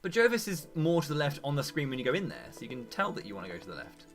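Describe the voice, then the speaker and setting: A man livestreaming his speedrun, chatting quickly and teasingly over a headset mic while he plays. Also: fairly high pitch, huge pitch swings, soft background music. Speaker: speedrunner streaming his run. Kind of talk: casual chat while playing.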